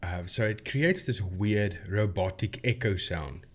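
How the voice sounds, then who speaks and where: A man with a fairly low, unhurried voice hosts a video channel that debunks the paranormal. He explains things informally and often stops to rephrase himself.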